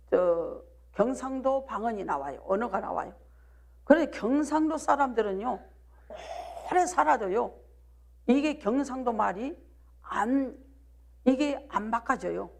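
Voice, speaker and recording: Her voice is a little high, creaky and somewhat dark. She's a woman pastor from South Jeolla, Korea, speaking with a Jeolla accent as she leads a live midweek sermon, pushing listeners with rhetorical questions and repeated calls of "do you believe?"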